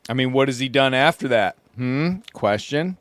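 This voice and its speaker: A man's voice: medium pitch, animated, normal speed, fairly bright tone, no echo. A sleep-deprived man hosting a podcast, rambling groggily to himself as he sails. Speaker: podcast host, solo sailor. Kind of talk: casual self-recorded monologue. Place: small sailboat at sea.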